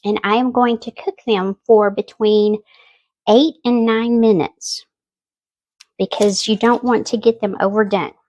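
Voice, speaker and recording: A woman's voice: mid-range voice, steady tone, measured pace, darkish tone, dull audio. Folksy woman cooking on camera. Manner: chatty, folksy and homey. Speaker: home cooking channel host. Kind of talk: casual cooking demonstration.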